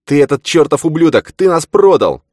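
A man's voice: a little high, big pitch swings, normal speed, no room sound, clean studio sound, voice pushed up. A man doing an outraged young hero. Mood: furious. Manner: shouting in outrage. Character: hot-tempered young male hero, furious.

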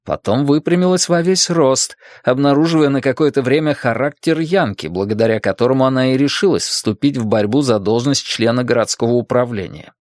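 A man's voice: mid-range voice, a little fast, hardly any pauses, darkish tone, no echo, clean studio sound. A man narrating an audiobook expressively, moving in and out of the characters' voices. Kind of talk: scripted narration.

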